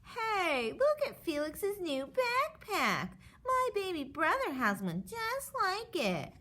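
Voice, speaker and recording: Woman playing boisterous young schoolkids, high-pitched. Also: wildly swooping pitch, slow, bright, forceful tone, heavily acted. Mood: teasing.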